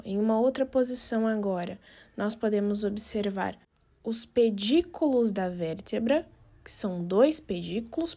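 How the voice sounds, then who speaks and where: This woman, who teaches anatomy, speaks with a medium-pitched, dark voice and a Brazilian Portuguese accent. Her narrated lesson is casual and methodical, recapping each step and mixing Spanish terminology with Portuguese.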